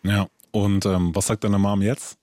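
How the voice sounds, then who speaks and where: A man's voice: lowish voice, level tone, a little slow, mellow, no echo, clean studio sound. A man hosting a casual interview, easygoing, with short affirming replies. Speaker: interview host.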